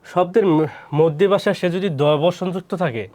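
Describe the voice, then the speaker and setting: A man's voice: high-pitched, a little fast, darkish tone. A man teaching an exam-prep lesson, asking questions and answering them himself, repeating each word twice. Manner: quizzing, answers his own questions, repeats words.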